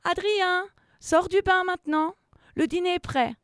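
A woman doing a high, firm mother's call. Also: measured pace, no room sound, studio quality. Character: human mother calling her boy from the bath.

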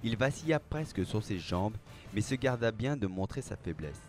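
A man reads a story aloud in a measured, dramatic manner. His voice sits a little low. Soft music plays quietly under the narration. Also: expressive. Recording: faint background music.

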